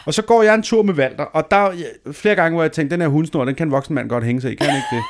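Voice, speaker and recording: A man in his thirties telling a dramatic, self-mocking story in a casual chat, swearing freely. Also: a little high.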